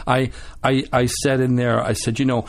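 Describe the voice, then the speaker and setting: A man guest on a radio show, telling animated stories with many restarts and acted-out quotes. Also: mid-range voice, normal speed. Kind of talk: casual storytelling chat.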